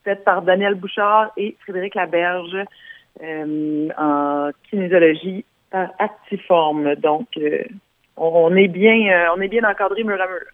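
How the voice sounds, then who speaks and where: A woman answering interview questions as a guest boxer, relaxed and hesitant with fillers. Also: on the low side, unhurried, dry recording. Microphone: phone. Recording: tinny phone line.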